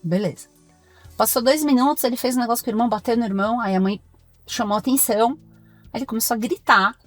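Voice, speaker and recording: Brazilian woman, pediatrician guest, firm animated storytelling, faint music underneath. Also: on the high side, fast talker, no room sound. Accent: Brazilian Portuguese. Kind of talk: podcast interview conversation.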